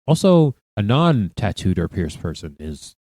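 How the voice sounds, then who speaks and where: A man's voice: fairly low pitch, sing-song, unhurried, mellow, dry recording. A man hosting a solo podcast, chatting casually with wry asides and tangents. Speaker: podcast host.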